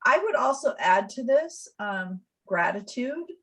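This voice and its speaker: A woman who works as a death doula, giving a gentle, reflective webinar presentation over a video call. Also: fairly high pitch, very animated, a little slow, husky, poor audio.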